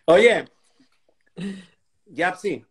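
A man's voice: sits high, lively intonation, very slow. A man hosting a casual chat, telling a long crude joke full of slang and acting out the people in it. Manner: crude slang-heavy storytelling, acts out quoted characters. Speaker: host.

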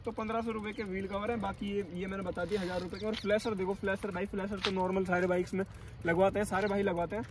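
A man's voice: high voice, level tone, fast talker, a crowd in the background. Chatty young man vlogging outdoors. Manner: chatty, addresses viewers as bhai, directs cameraman. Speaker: bike vlogger. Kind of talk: casual vlog walkthrough. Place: outdoors by the roadside at dusk. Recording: faint outdoor street noise.

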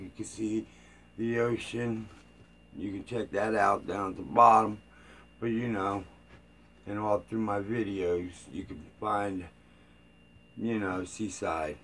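Slow, gravelly older man vlogging. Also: lowish voice, a bit bright. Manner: rambling, loose and informal, with many fillers and restarts. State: tired. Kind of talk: casual rambling vlog chat.

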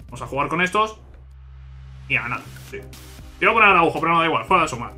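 A gaming YouTuber gives live commentary on his football video game as he plays, talking to viewers in a fairly high voice at a quick pace over soft background music. Frustrated, he rants repetitively and swears that the game is unfair, then bursts into loud, excited shouts at big plays.

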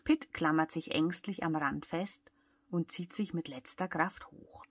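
Soft breathy woman reading a bedtime story. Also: deep voice, a little slow, no room sound. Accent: German. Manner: soft, often whispered, talks to children. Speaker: childcare worker reading aloud.

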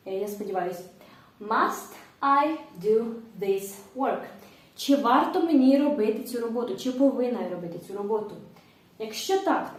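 A woman teacher giving a language lesson, explaining step by step and saying English phrases slowly for students to repeat. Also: on the high side, darkish tone, distant mic. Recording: echoey room, voice from off-mic.

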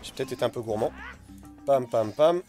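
A man's voice: mid-range voice, mellow, soft background music. A man giving casual, chatty commentary on his own online game as he plays, talking straight to his viewers. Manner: fast, chatty, talks to viewers while playing. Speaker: gaming video creator.

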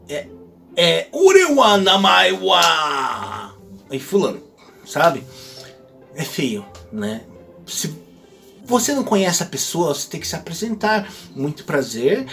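São guy doing a chatty advice vlog, kinda high voice, super animated, keeps asking "right?". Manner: chatty, ends phrases with tag questions; acts out quoted speech in exaggerated voices. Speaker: host.

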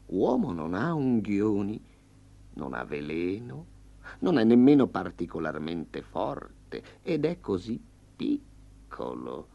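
A man voicing a smug, hungry male tiger with a slow, low, purring growl in a storybook reading. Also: wildly swooping pitch, gravelly, dark tone, exaggerated voice. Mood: sly. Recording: slightly dull lo-fi.

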